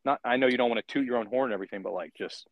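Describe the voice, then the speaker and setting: A man's voice: mid-range voice, very fast, no room sound, poor audio. A man hosting a casual interview, talking in long, rambling turns and checking in with the guest as he goes. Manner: rambling, keeps checking in with "right?". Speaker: podcast host.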